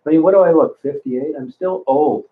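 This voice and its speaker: Brisk and slightly high-pitched, this man in his sixties chats loosely as he reads his livestream's chat, cursing freely and starting over mid-sentence. The recording sounds narrow, like a phone.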